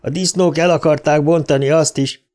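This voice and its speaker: A talkative taxi driver with a coarse, folksy way of speaking, as a male audiobook reader puts him on. His voice sits noticeably higher than the reader's own and runs a little louder, with the same rough patter coming round again and again. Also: fairly even intonation, natural voice. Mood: chatty. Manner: folksy, coarse, repeats a pet phrase.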